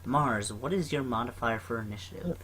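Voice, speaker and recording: A man's voice: medium pitch, animated, brisk, a bit bright, breathy edge. A man running a tabletop game in casual chat, often hesitating and fumbling with numbers.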